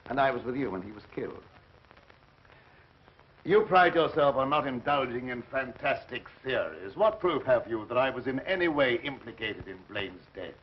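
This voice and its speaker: An actor playing a grandiose, resentful mad scientist in an old horror film, speaking formally and theatrically with menacing politeness. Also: male voice, medium pitch, expressive, moderate pace, slight background noise, lightly acted. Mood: scornful, menacing. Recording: muffled old film soundtrack.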